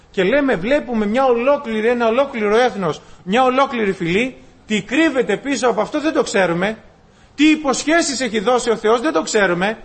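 A male preacher delivering a sermon, asking his listeners questions and retelling stories with voiced dialogue. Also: sits high. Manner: asks the congregation rhetorical questions and acts out dialogue. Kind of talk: sermon with storytelling.

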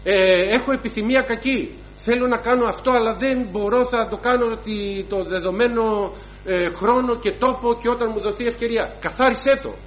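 A man's voice: very high voice, fairly even intonation, a little hiss or hum, poor audio. A man preaching a sermon to his congregation, emphatic and rhythmic, listing sins one after another and calling the listeners brothers.

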